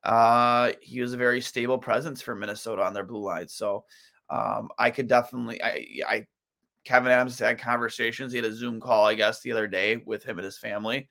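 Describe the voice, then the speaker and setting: A man's voice: medium pitch, steady tone, brisk, gravelly, bright, forceful tone. A tired man hosting a solo sports podcast, rambling through his thoughts with lots of fillers and restarts. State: tired, yawning.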